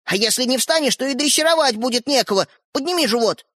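A man's voice: very high voice, lively intonation, fast talker, a bit bright, no echo, clean studio sound, pitched above the performer's own voice. A man voicing a sensible, cautious young boy in a storybook reading, doubtful and fretful. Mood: worried.

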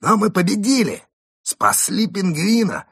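A man's voice: high-pitched, very animated, measured pace, fairly bright tone, breathy edge, no echo, clean studio sound, voice pushed up, heavily acted. A man voicing a boastful, scheming male ferret swindler who talks grandly and pushes hard. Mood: pompous. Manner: grandiose, pushy.

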